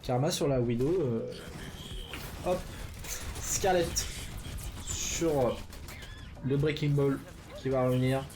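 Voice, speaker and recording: A man with a warm, mid-range voice casts a live esports match over slight background noise. He's chatty and loose, padding the gaps with fillers and quickly correcting his own slips as he goes.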